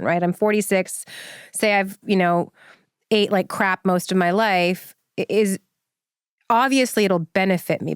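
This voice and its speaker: A woman's voice: fairly low pitch, smooth, no room sound, clean studio sound. A woman in her forties hosting an interview, asking questions in a casual, chatty way. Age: 40s. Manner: casual, chatty, laughs easily. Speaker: podcast host.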